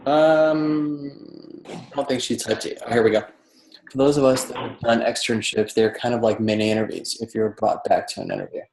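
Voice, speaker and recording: A man's voice: medium pitch, expressive, normal speed, a little mellow, a little hiss or hum. A man mentoring applicants in an informal question-and-answer session, talking conversationally and often restarting his phrases as he thinks aloud. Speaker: dental residency interviewer and mentor. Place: home apartment. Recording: roomy, echoey room sound.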